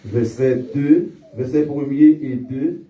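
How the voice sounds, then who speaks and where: A man preaching a sermon in church, calling out to his congregation for responses and reading scripture slowly and emphatically. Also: mid-range voice, a little hiss or hum. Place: church sanctuary. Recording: echoey hall, distant dull mic.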